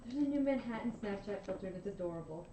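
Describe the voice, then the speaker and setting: Lively woman, distant in an echoey room. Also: medium pitch, quick pace, slight background noise. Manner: chatty, giggly, lively. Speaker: artist co-host. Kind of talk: casual chat while drawing.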